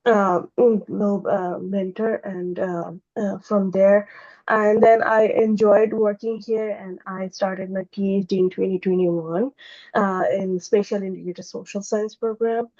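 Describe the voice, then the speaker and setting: A woman from Bangladesh presents her research over a video call while recovering from flu. She speaks at a middle pitch and in a halting way, filling gaps with "uh". The sound is dull and dry. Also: dark tone, no echo. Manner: halting, many fillers. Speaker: doctoral student presenter. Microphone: video call microphone.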